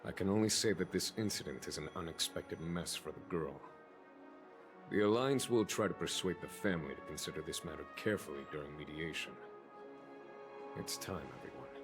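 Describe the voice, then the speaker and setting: A man plays a composed general from an anime game. The voice is low, courteous and authoritative, with formal, measured phrasing over clear background music. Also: natural voice.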